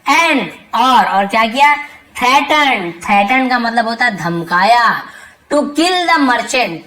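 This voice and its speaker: A woman teaching English reading, saying each English phrase slowly and then explaining it quickly in Hindi with lots of repetition. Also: mid-range voice, a bit bright, low-quality recording. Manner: repeats phrases and checks with "theek hai". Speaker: English tutor.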